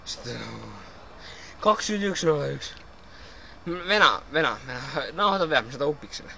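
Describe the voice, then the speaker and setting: A drunk young man rambling, slurring and cursing constantly, with sudden shouted outbursts, filmed casually by a friend. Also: on the high side, expressive, creaky, distant mic. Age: young adult. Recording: lo-fi noisy home video.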